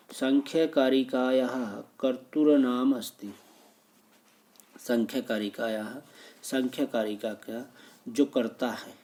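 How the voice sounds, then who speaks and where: A man's voice: medium pitch, dark tone. A man teaching as he works through exam questions, reading each one, restating it and explaining the answer. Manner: reads a question, then repeats and explains it.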